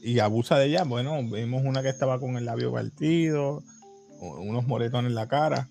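A man's voice: medium pitch, fairly quick, creaky, mellow, faint music behind. A man co-hosting a casual anime talk show, joking and acting out character lines. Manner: playful, acts out character quotes. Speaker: podcast co-host.

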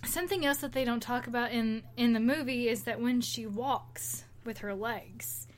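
Another woman co-hosting a podcast speaks at a moderate pace in a fairly high voice. Her talk is informal and meandering as she chats and recounts stories.

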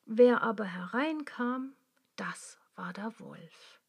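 A woman reading a fairy tale aloud in a soft, slow whisper. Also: on the high side, expressive, breathy edge. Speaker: storyteller.

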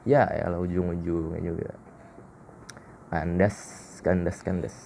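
Man, dark mellow tone, casual podcast monologue, blunt and joking. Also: low voice, fairly even intonation, measured pace, creaky, slight background noise. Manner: blunt, slangy, self-mocking. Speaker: podcast host.

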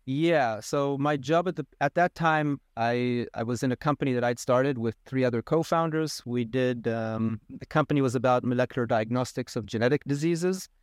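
A man in his thirties who grew up in Israel, a podcast guest explaining his work in a relaxed, plain way. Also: medium pitch, moderate pace, hardly any pauses, no echo, studio quality. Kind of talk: casual interview conversation.

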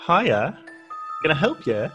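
A man's voice: a little high, very animated, takes it slowly, lo-fi sound, over music, pitched above the performer's own voice. A man voicing a cheery young woman stranger. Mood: chirpy.

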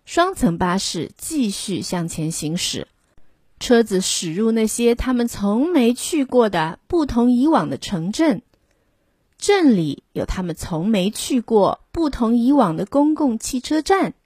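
Soft, breathy woman reading a storybook. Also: on the high side, unhurried, no room sound. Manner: gentle, lively storybook reading with voices for the characters. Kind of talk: bilingual picture-book reading.

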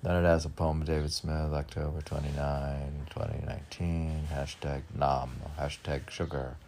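This poet has an extremely low, flat voice that's a little slow and a little mellow, with slight background noise. He reads his own work and drifts into rambling, offhand commentary, asking himself questions as he goes.

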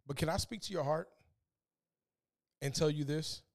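A man's voice: a little high, normal speed. A man hosting a podcast, giving an earnest, preachy, faith-based motivational talk and repeating words as he gets fired up. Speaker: podcast host.

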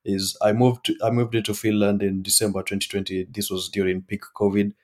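A man's voice: lowish voice, flat delivery, a little fast, darkish tone. A man from Kenya with a Kenyan accent, a startup founder talking hesitantly as a podcast guest. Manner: hesitant, many restarts and fillers. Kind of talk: casual podcast interview.

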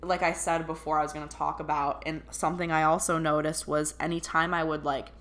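Young woman, twenties, low pitch, bright tone, chatty, excitable storyteller. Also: a little fast. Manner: chatty, filler-heavy, excitable. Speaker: vlogger. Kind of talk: casual storytelling.

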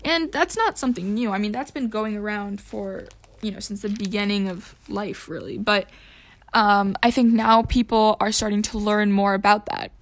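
A woman's voice: mid-range voice, steady tone, moderate pace. A young woman hosting a casual solo podcast, rambling with many fillers and self-corrections. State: hiccups. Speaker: podcast host.

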